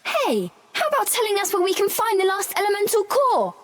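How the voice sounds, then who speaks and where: A woman's voice: very high voice, huge pitch swings, fairly quick, heavily acted. A woman voicing a young girl witch, earnest and a little shy, in a storybook game.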